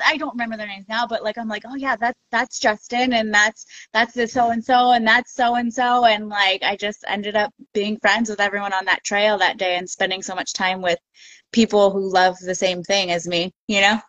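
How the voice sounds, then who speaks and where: A woman guest on a podcast, chatting casually and telling animated stories, acting out quotes from others. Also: mid-range voice, normal speed, dry recording, highs cut off. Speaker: podcast guest, ultra runner. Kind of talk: casual interview chat.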